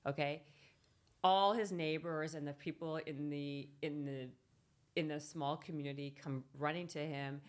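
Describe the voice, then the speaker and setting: Woman guest, very low voice, chatty storyteller who restarts and laughs a lot. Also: a little slow. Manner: animated, laughing, restarts often. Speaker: podcast guest. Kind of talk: casual chat, telling a parable.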